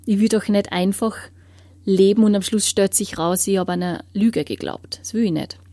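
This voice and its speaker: A woman giving an earnest personal testimony in an interview, often sinking into a hushed whisper as she searches for words. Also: mid-range voice, fairly even intonation, normal speed, dry recording.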